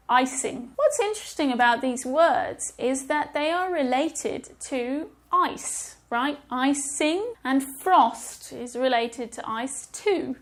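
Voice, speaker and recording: A British woman teaching English in a friendly, explanatory way, stopping to pronounce words with care. Her voice sits high, and she talks at an unhurried, measured pace. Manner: friendly, explanatory, careful pronunciation demos. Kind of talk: video lesson for learners.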